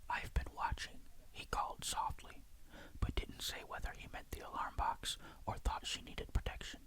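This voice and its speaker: A storyteller reading a ghost story in a breathy, hushed, suspenseful whisper, in ASMR style. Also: normal speed.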